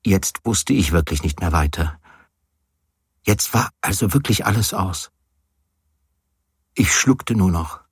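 Man, audiobook narration, low husky voice, dry close recording, wry hesitant first-person storytelling. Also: animated, takes it slowly, pauses often, no room sound. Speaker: audiobook reader.

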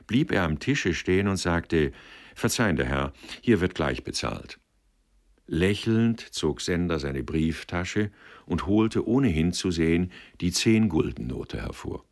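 Male radio reader, very deep, animated narration of a novel. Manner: expressive storytelling.

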